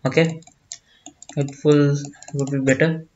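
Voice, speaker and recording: A man with an Indian accent and a slightly high voice works through a problem as a teacher. He speaks very slowly and deliberately, repeating his phrases. The recording sounds dull and lo-fi. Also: little pitch movement, darkish tone, a little hiss or hum. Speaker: accounting teacher. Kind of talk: step-by-step exam problem walkthrough.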